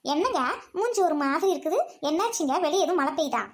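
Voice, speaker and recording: A woman voicing a fed-up cartoon housewife who fights back, with fast, sharp scolding. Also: very high-pitched, expressive, very noisy. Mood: sweet. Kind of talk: cartoon voice acting.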